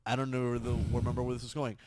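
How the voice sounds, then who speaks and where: A man co-hosting a casual podcast, joking and rambling, quick to laugh at his own tangents. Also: medium pitch, monotone, a little mellow, slight background noise. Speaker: podcast co-host.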